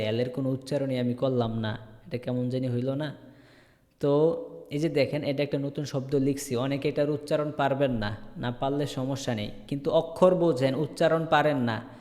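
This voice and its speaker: A man teaching a live online English class, repeating words slowly and calling on students by name. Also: medium pitch, a little mellow, big-room sound. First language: Bengali. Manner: slow, repetitive drilling, calls on students by name. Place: online video call class.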